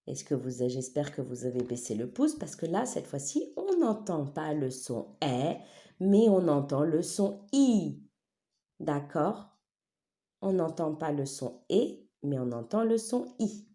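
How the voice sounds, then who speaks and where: A woman teaches a phonics lesson to young children at a deliberately slow pace, exaggerating every vowel. Her voice is mellow and rather low, but it rises and falls a great deal. She pauses often to check that everyone is following. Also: big pitch swings. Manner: slow, exaggerated syllables with a wide smile; patient, checks understanding often.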